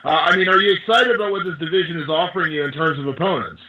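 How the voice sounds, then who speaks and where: A man's voice: on the high side, rapid-fire, highs cut off. A male reporter asking wordy, circling questions on a telephone press conference. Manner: wordy, repeats phrases as he builds questions. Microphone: telephone conference call. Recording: noisy telephone conference line.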